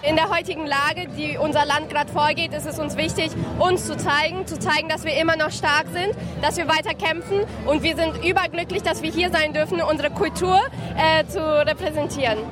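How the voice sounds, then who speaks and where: High-voiced woman with at parade. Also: steady tone, a little fast. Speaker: parade participant. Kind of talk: street interview. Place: outdoor street parade. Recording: street interview with music and crowd.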